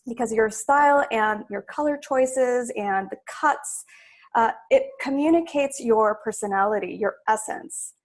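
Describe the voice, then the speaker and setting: A young adult woman from Sudan, a stylist guest, talking chattily in a casual interview with many fillers. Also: on the high side.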